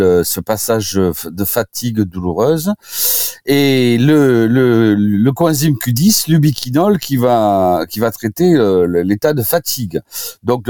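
A man speaking as a doctor on a radio show, giving informal health advice in a halting way, often repeating and restarting words. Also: fairly low pitch, warm tone, no echo, studio quality.

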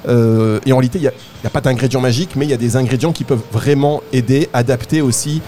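A man's voice: medium pitch, dark tone, faint music behind. Playful man hosting a live talk. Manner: playful, teasing, quick asides. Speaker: host. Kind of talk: live event hosting chat. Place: in a shop event space.

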